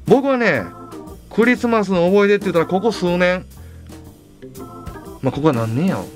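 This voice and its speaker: A young man with a Tosa accent hosts a radio show, his voice rising and falling in a lively, amused way. Soft music runs under his talk. His pitch sits a little above most men's. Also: moderate pace. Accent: Tosa dialect of Kochi. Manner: chatty, amused. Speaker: radio host.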